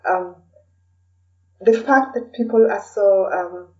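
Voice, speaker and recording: Here the Kenyan interviewee speaks slowly, her mid-range voice carrying a dark tone. She keeps adding "you know" as she chats casually, in a recording that comes across as distant and somewhat dull.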